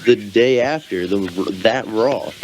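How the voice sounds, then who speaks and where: A man's voice: on the low side, slow, a little mellow, slight background noise, rough recording. A man co-hosting a casual podcast, bluntly correcting the others with facts. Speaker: podcast co-host. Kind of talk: casual wrestling podcast chat.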